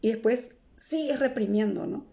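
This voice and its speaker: A middle-aged woman with a soft, mellow voice gives a live-stream talk as an emotional healing coach. She keeps checking in with her listeners, tagging almost every phrase with "¿no?" or "¿sí?", and answers comments as they come in. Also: on the high side, expressive, normal speed, creaky. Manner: tags nearly every phrase with "¿no?" or "¿sí?"; answers viewer comments aloud.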